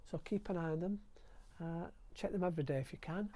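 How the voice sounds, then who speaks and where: A middle-aged man with a Yorkshire accent, chatting excitedly to the camera while gardening outdoors at his allotment, recorded on a clip-on mic. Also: fairly high pitch, a little fast. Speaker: allotment vlogger. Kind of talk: casual gardening vlog. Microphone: clip-on mic with lead.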